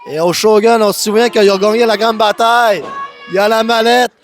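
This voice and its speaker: A man with a Quebec French accent calls wrestling live as an excited, exclamatory commentator who often raises his voice. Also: high voice, normal speed. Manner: exclamatory, often raising voice to a shout. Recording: noisy live event commentary.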